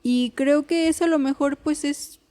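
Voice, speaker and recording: A woman's voice: sits high, steady tone, normal speed, warm tone. A woman co-hosting a podcast, talking in a tentative, reflective way with many hedges. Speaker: podcast co-host. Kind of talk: conversational podcast chat.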